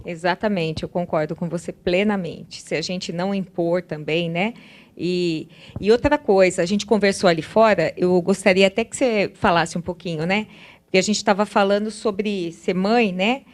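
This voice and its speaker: A woman co-hosting an interview, agreeing warmly with her guest and asking follow-up questions in a casual conversational way. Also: fairly low pitch, steady tone, normal speed. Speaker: interviewer, co-host.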